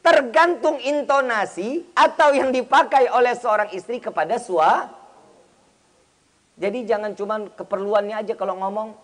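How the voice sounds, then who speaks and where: In an extremely high voice at normal speed, a man delivers a humorous sermon, teasing his listeners in slangy language and acting out bits of quoted dialogue.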